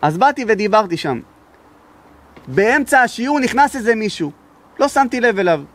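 A man's voice: high-pitched, sing-song, a bit bright. A man, a rabbi from Israel, giving a sermon and telling stories, sometimes raising his voice for emphasis. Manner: raises his voice to be heard, emphatic. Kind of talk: sermon with storytelling.

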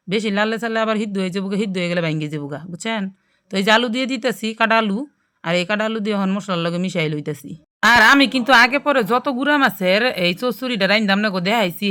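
Fast, chatty woman with a Gazipur accent. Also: medium pitch, pushed and bright, smooth. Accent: Gazipur regional Bangladeshi Bengali. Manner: chatty, talks straight to viewers with frequent check-ins. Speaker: cooking channel host. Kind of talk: casual cooking vlog narration.

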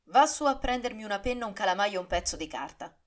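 A woman's voice: medium pitch, animated, quick pace, lightly acted. A woman voicing a swaggering young male swordsman in an audiobook, teasing and ironic as he taunts. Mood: breezy. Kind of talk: audiobook character reading.

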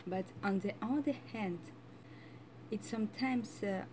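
A woman's voice: medium pitch, unhurried, noisy background. A woman with a Russian accent giving casual commentary, hesitant and thoughtful, with frequent fillers. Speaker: reaction channel host.

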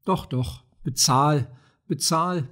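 A man's voice: a little high, slow, a bit bright. A man reading an audiobook of a play, voicing a proud, worried sultan who sounds brooding and exasperated. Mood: impatient.

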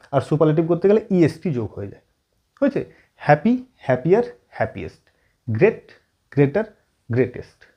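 A man teaching an English grammar lesson at a whiteboard, often checking in with his students and slowing down as he writes. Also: high-pitched, highs cut off. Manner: frequent check-in questions to students; writes on board while explaining, slowing down.

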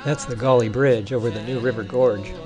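Man, scripted narration, wry, mid-pitched, music underneath. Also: steady tone, fairly quick. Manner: plain, wry voice-over. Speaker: narrator of a travel video. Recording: music beneath the voice-over.

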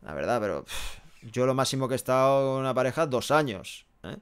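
Frank, chatty young man with a smooth voice. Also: medium pitch, animated, a little fast. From Barcelona, Spain. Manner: chatty, frank, tags sentences with "¿eh?" and "¿no?". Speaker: live streamer reading chat. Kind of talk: casual live-stream chat. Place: small room with a pale green wall, indoors. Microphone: headset microphone.

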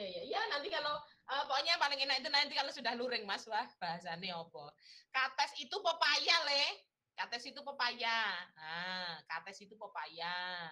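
A woman's voice: a little high, sharp tone. A woman lecturer with a Javanese accent, chatting playfully with her students on a video call, laughing often and teasing. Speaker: university lecturer. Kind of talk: casual chat with students in an online class.

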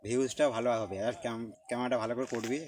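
A man's voice: mid-range voice, little pitch movement, rapid-fire, recorded from a distance, background noise. Insistent young man outdoors. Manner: insistent, scolding, urging. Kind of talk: staged prank argument. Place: outdoors in a rural spot with trees.

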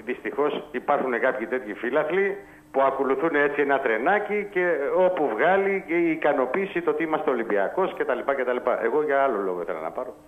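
A man's voice: mid-range voice, expressive. A man calling in to a radio show, talking football in a heated, emphatic and blunt way. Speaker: radio caller. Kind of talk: heated call-in football talk. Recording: tinny phone line.

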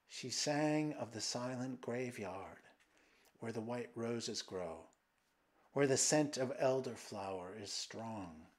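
A man reading a fairy tale aloud slowly and dramatically, sometimes dropping into a whisper. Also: mid-range voice. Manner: slow, hushed, dramatic, with whispered passages. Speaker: storyteller and translator. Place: old mill, indoors.

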